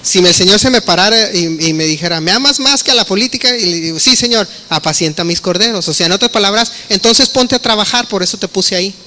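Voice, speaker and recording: A man's voice: high-pitched, quick pace, few pauses, pushed and bright, a little hiss or hum. A middle-aged man, preaching a conversational sermon and acting out the quoted dialogue.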